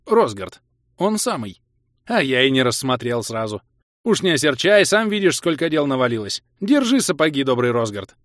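A man's voice: medium pitch, sing-song, normal speed, fairly bright tone, no room sound, studio quality, pitched above the performer's own voice. A man voicing a folksy male village trader with rustic, wheedling speech. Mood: fawning.

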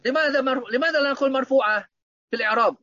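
Bright high-voiced male grammar teacher. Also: very fast, no echo. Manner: explains with repeated questions to students. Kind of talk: online grammar lesson. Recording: dull, dry lo-fi audio.

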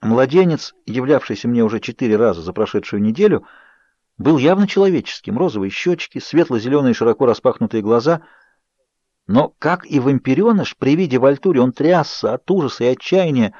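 A man narrating an audiobook in an expressive, measured voice. The recording is dry, with a slightly dull, muffled tone. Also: medium pitch, dry recording. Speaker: audiobook reader. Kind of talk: scripted narration.

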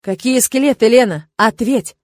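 A woman's voice: mid-range voice, expressive, very slow, slightly rough, no room sound, exaggerated voice. Storybook demon lover: male, domineering, pushing questions at her; a woman narrator plays him. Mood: urgent. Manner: loud, demanding questions.

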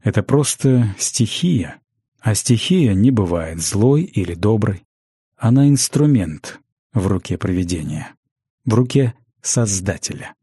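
A man narrating a fantasy audiobook in a measured, even storytelling manner on a close studio mic. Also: lowish voice, husky, dry recording.

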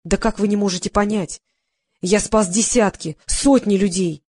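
A man's voice: high voice, fairly even intonation, normal speed, a little mellow, dry recording. A woman reading an audiobook, voicing a guilt-ridden middle-aged male psychotherapist who mumbles defensively through his confession. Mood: pleading.

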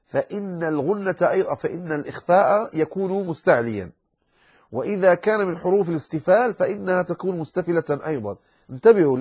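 A man teaching a lesson on Quran recitation rules. He explains calmly, then stretches out words slowly to demonstrate. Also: a little high, husky, muffled recording. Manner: calm explanation, then slow drawn-out demonstrations. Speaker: tajweed teacher.

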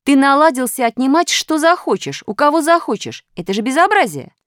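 A woman doing a shrill scolding number five. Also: very animated, fairly quick, fairly bright tone, no room sound, clean studio sound. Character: indignant female number five.

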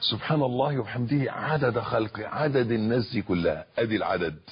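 Husky Egyptian man preaching with rising passion. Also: mid-range voice, quick pace, lo-fi sound. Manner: impassioned, rising to loud emphatic peaks, repeating phrases. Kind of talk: Islamic sermon in colloquial Arabic.

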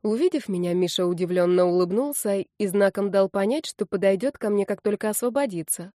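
A woman narrating a first-person novel with lively expression. Her voice is warm and mellow, recorded dry and close with no room around it. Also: mid-range voice, fairly quick, dry recording. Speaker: audiobook narrator.

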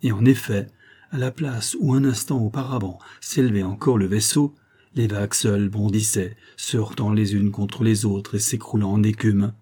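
A man reading a classic novel aloud as scripted narration in a steady, dramatic manner. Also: on the low side, moderate pace, slightly rough. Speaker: audiobook reader.

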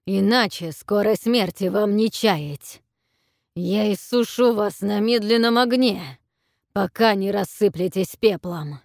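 A woman voicing a cruel male bronze dragon who booms out commands and mocks his captives. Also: takes it slowly, vocal fry, a little mellow, no room sound, clean studio sound. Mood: threatening. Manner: booming, commanding, mocking.

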